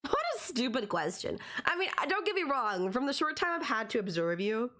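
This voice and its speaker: A woman with a fairly high, slightly bright voice takes on the role of a teasing, possessive young stalker in an audio roleplay. Talking straight to the listener, she's conversational and affectionate while coaxing and condescending.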